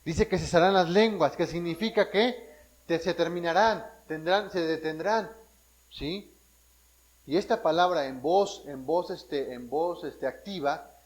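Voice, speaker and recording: In poor audio, a fairly high-voiced man from Mexico delivers a sermon as a pastor, explaining Bible passages in a teaching manner and frequently checking in with those listening, his speech marked by restarts and quick self-corrections.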